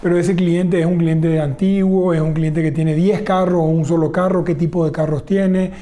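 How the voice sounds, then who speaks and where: A man's voice: a little high, steady tone, moderate pace, dark tone. A man, a telecom executive in a business interview, laying out his points one by one. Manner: explains point by point, enumerating pillars.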